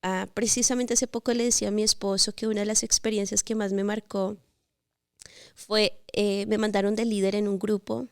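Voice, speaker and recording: A woman in her thirties from Colombia, telling her life story as an interview guest in a gentle, reflective way with pauses and fillers. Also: medium pitch, little pitch movement, dry recording, studio quality. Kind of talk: personal testimony interview.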